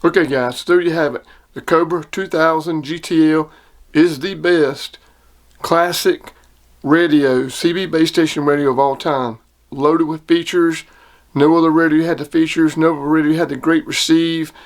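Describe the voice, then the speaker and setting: Radio noise and clicks crackle behind this hobbyist-style CB chat, making the recording clearly noisy. The speaker, a man who operates CB radio and hosts videos, talks at a normal speed in plain-spoken radio lingo. His voice is fairly high and his tone stays steady.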